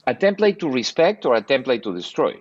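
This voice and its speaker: Older man from South America, animated storyteller, dry dull video call sound, earbuds mic. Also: brisk, dry recording. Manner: animated storyteller, lively pitch swings, frequent restarts. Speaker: cinematographer guest. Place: bright home room by window.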